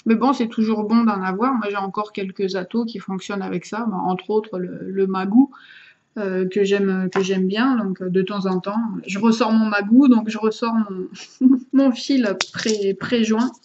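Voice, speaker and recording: A woman's voice: medium pitch, fairly even intonation, measured pace, darkish tone, lo-fi sound. A woman casually showing and explaining equipment to her viewers, hesitating often with fillers and restarts. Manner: chatty, talks to the viewers while handling objects. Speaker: vlogger showing vaping gear. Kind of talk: casual how-to demonstration.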